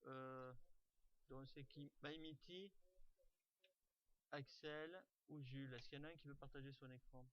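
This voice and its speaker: A man's voice: mid-range voice, fairly even intonation, a little slow, long pauses, dry recording, lo-fi sound. A man teaching an online class, talking informally with lots of fillers and restarts over a computer mic. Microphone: computer mic on a video call.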